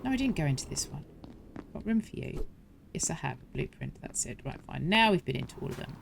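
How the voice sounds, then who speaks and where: Low-voiced woman narrating a game walkthrough. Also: sing-song, brisk, creaky, slight background noise. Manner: chatty, explains step by step, self-correcting. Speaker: gaming channel host.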